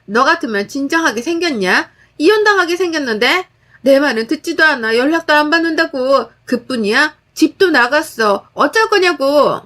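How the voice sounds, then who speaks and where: A woman voicing a hysterical, spoiled young sister-in-law who shouts frantically. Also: high voice, lively intonation, normal speed, pitched above the performer's own voice. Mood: frantic.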